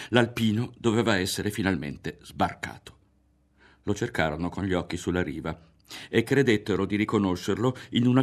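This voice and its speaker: A man reading a literary novel aloud in a measured, expressive way, often dropping to a hushed tone. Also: low voice. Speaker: audiobook reader. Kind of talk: literary audiobook narration. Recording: faint music underneath.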